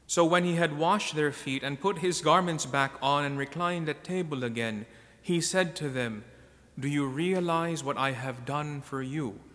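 Priest with a cathedral echo. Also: male voice, on the high side, a bit bright. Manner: measured, solemn delivery. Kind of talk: liturgical reading and homily. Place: large church. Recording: long church reverb in a large hall.

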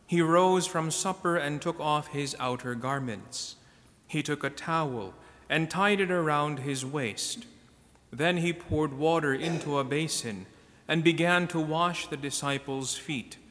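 A priest, a man, reads scripture and preaches in a measured, solemn manner, his voice pitched a little high for a man. Every phrase rings out in a cathedral echo as it trails off through the large church. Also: fairly bright tone. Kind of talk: liturgical reading and homily. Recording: long church reverb in a large hall.

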